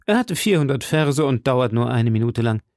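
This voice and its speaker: A man's voice: mid-range voice, expressive, moderate pace, darkish tone, no room sound, clean studio sound, close to an everyday voice. A man reading an audiobook voices a refined, vain young musketeer with an airy, affected way of talking. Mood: airy lively.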